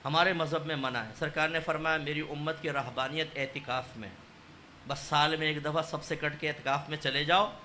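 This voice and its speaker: A male Islamic preacher delivers a storytelling sermon. His voice sits high and sounds sharply bright, rising to loud exhortation and dropping to hushed narration, with a faint hiss of noise behind it. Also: steady tone.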